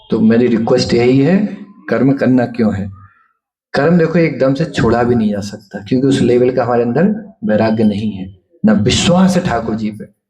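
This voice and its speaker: A man giving a devotional talk, telling stories in an animated way and playfully acting out the people in them. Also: medium pitch. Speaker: preacher.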